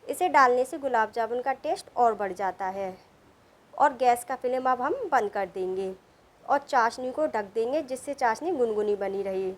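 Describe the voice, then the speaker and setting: A woman narrating a cooking recipe step by step in a calm, steady instructional voice-over. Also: on the high side, normal speed. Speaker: cooking channel host.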